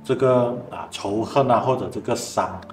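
A man, a spiritual master co-host, calmly explaining and reacting in casual chat. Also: on the low side, normal speed, echoey room, faint music behind. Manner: calm, reacts with short interjections then explains.

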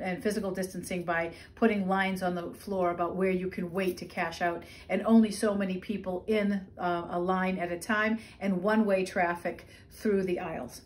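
A woman in her fifties, a nurse, giving a practical step-by-step demonstration in her home kitchen, recorded on a phone camera up close. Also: mid-range voice. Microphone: phone camera at close range.

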